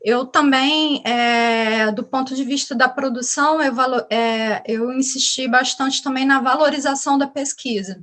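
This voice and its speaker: A middle-aged Brazilian woman speaks on an academic panel in a fairly high voice. She hesitates often, repeats small words and restarts her sentences as she goes. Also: measured pace, few pauses, a bit bright. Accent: Brazilian Portuguese. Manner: hesitant, many fillers and restarts. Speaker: university professor on a panel.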